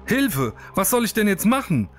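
A man voicing a small, timid male grey long-eared bat in an animated storybook film, talking in an anxious, pleading way. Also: a little high, moderate pace, soft background music, pitched above the performer's own voice.

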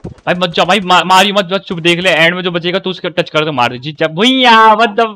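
A young male streamer with a high, bright voice calls out over a battle game with his friends. He gets excitable, shouts and says the same phrase over and over. His voice comes through a close headset mic. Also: brisk. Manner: excitable, shouting and repeating himself. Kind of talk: live gameplay chatter with friends.

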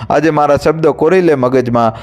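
A man's voice: a little high, a little fast, a little mellow, close to an everyday voice. A man reading the part of a desperate, fierce young village mother, pleading and raging. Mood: furious.

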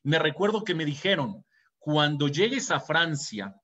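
A man's voice: a little high, big pitch swings, measured pace, fairly bright tone. A young adult man with a Mexican Spanish accent, a rabbi giving an earnest sermon and telling stories. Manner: earnest and storytelling, with dramatic raised quotes. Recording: dull lo-fi recording.

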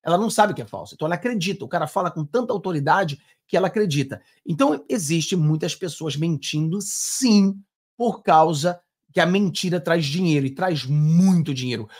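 A Brazilian man in his thirties reacts live to political clips, talking earnestly and with emphasis. His voice sits a little higher than most men's. He speaks into a desk mic in a small home studio. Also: expressive, a little fast, darkish tone, breathy edge. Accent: Brazilian Portuguese. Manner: earnest, emphatic, gestures with hands. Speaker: political commentator. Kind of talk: live-stream reaction commentary. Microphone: over-ear headphones, desk mic.

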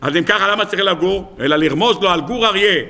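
A man preaching a Torah sermon as a rabbi, telling the story with animated rhetorical questions. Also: high voice. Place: lecture hall.

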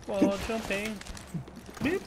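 A man live-streaming a shooter game, chatting with teammates and thanking viewers in a relaxed way. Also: sits high, slow pace, very noisy. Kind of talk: live gameplay chat. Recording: loud game gunfire under the voice.

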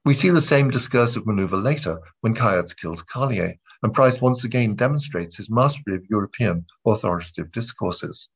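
A man giving an academic literature lecture, measured in delivery, weaving read passages into his commentary. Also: fairly low pitch, expressive, husky, poor audio. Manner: measured, reads quoted passages aloud between comments.

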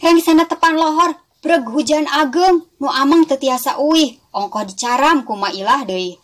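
A woman with a West Java Sundanese accent tells a scripted children's story with lots of expression, speaking like a storyteller to young listeners. Her voice is high and her delivery a little slow.

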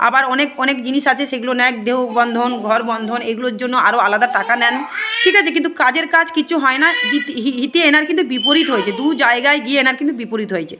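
Fast-talking, high-voiced woman healer. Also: a crowd in the background. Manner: earnest, repetitive, often asks "ঠিক আছে?". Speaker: spiritual healer. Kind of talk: addressing devotees and viewers.

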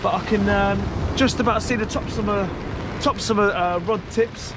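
This fishing vlogger has a high voice and keeps a normal pace as he hesitantly chats to camera in a casual vlog style. Rain falls around him on a stormy beach where he stands under an umbrella, captured clearly by a camera held at arm's length.

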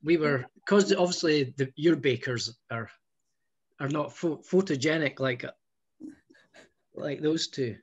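A man's voice: fairly high pitch, measured pace, pauses often, slightly rough, lo-fi sound. A Scottish man, a guest musician, chatting in a rambling, self-mocking way with lots of restarts. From Scotland. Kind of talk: casual chat.

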